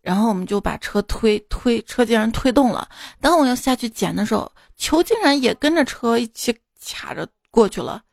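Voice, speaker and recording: Bright-voiced woman telling funny stories. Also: a little high, animated, moderate pace, vocal fry, hardly any pauses, dry recording. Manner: laughs at her own jokes. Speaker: podcast host. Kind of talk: reading funny anecdotes aloud.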